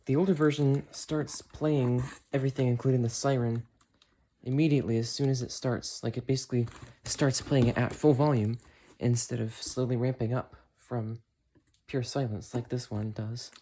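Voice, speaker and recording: A young adult man with a dark, mid-range voice talks casually through an unboxing at home, handling the item at a moderate pace with fairly even intonation. He makes unboxing videos and records in a small carpeted room with a computer desk. The recording is clear, though background noise, crinkling packaging, and clicks can be heard.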